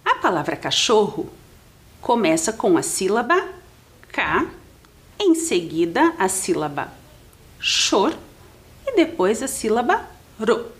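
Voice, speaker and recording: Slow, lively Brazilian teacher woman. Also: medium pitch. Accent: Brazilian Portuguese. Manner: spells out letters and counts syllables slowly, addressing pupils. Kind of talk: slow, clear literacy lesson for young children.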